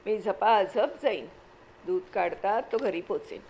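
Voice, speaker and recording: A woman's voice: mid-range voice, unhurried, a little mellow, a little hiss or hum, natural voice, low-quality recording. A woman reading as a blunt, fearless village man. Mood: dismissive.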